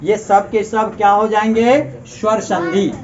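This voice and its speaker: A man's voice: high-pitched, fairly even intonation, unhurried, muffled recording. A male teacher giving a grammar lesson to a class. He keeps asking questions and repeating the answers as drills.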